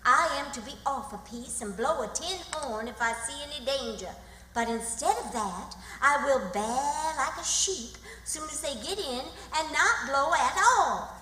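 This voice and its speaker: A woman playing an excitable, bossy country aunt, dramatic and breathless in radio theatre style. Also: high voice, measured pace, heavily acted. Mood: dramatic reading. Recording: echoey hall, faint noise.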